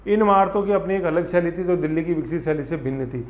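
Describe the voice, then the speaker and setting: A man teaching an exam-prep class, lively and full of memory tricks, often checking that students follow. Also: fairly high pitch, fast talker. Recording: roomy, dull lo-fi classroom sound.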